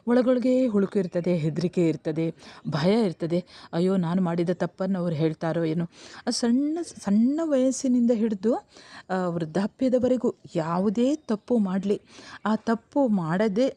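A woman's voice: mid-range voice, mellow, no room sound. A middle-aged woman teacher explaining a poem in a lecture, repeating and rephrasing her points.

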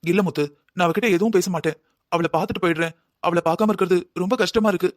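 A man's voice: high-pitched, rapid-fire, no echo, clean studio sound, close to an everyday voice. A man voicing an earnest young husband in a cartoon drama who pleads to see his wife. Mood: pleading.

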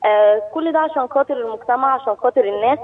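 Radio show caller: young Cairene woman on a tinny, distant phone line, quick and breathy. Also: sits high. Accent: Cairene Egyptian Arabic. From Egypt. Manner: earnest, halting, with frequent pauses. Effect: phone call heard over the radio. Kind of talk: telling a personal story on air.

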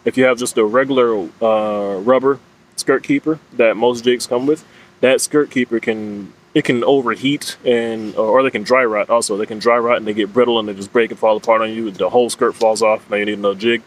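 Outdoors under leafy trees, a fishing vlogger in his thirties gives an informal, straightforward explanation of a product to camera. His voice is on the low side, the recording rough, and steady outdoor background noise comes through clearly.

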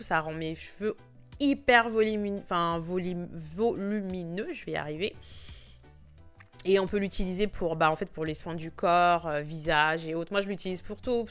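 Chatty woman with low voice. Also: a bit bright. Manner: chatty, stumbles over words and restarts. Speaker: beauty vlogger. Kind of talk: casual product review.

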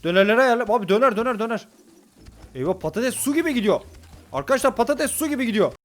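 A man giving hurried, excitable commentary while playing a restaurant game, talking to customers on screen. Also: very high voice, soft background music. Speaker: gaming YouTuber. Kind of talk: casual gameplay commentary.

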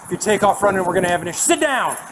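A woman's voice: mid-range voice, expressive, racing. A woman police officer giving firm, repeated orders during an arrest, recorded outdoors in a parking lot on a body camera. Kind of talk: bodycam arrest commands. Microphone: body-worn camera. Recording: noisy outdoor bodycam audio.

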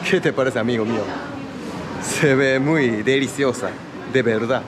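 A man speaking through a face mask as he hosts a casual food-tasting travel vlog at a street market, talking slowly and addressing his viewers. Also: medium pitch, a crowd in the background. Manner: slow, unhurried talk addressed to viewers. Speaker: travel vlogger. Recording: loud outdoor street noise.

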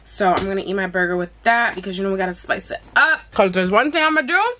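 A woman's voice: mid-range voice, lively intonation, quick pace, pushed and bright, a little hiss or hum. A young woman chatting casually while she eats on camera for a mukbang vlog, blunt and full of slang. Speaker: mukbang vlogger. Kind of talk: casual chat while eating. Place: at home.

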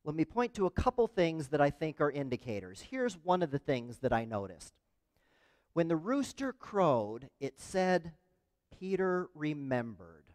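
A man with a fairly high voice preaches in a church, telling a story and pausing to question his listeners. His voice is close and dry on the mic, yet a long hall reverb trails behind each phrase. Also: darkish tone. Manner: storytelling, asks the congregation questions. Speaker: pastor. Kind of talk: sermon. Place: church sanctuary.

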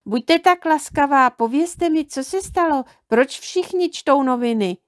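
Woman reads a gentle polite little girl, high voice, storybook. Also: expressive, no echo, clean studio sound. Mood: curious. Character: small tender-hearted girl shorty.

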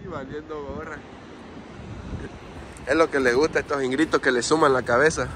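A man's voice: a little high, fairly even intonation, fairly quick, crowd noise, low-quality recording. A young man with a Mexican accent, casually vlogging outdoors by the sea, slangy and joking as he walks along a border wall. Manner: slangy, joking, talks to viewers while walking. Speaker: vlogger host. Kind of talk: casual on-location vlog. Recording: windy outdoor recording with crashing waves. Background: wind and surf.

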